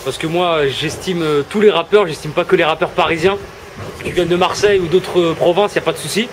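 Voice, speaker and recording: A man's voice: on the high side, brisk, background noise. A male interviewer speaking politely and hesitantly, with many fillers. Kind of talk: casual interview.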